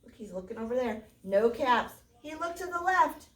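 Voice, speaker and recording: A woman teacher reading a picture book aloud to children in a classroom, animated and stopping to quiz the kids. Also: a little high, moderate pace. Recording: roomy classroom from far off.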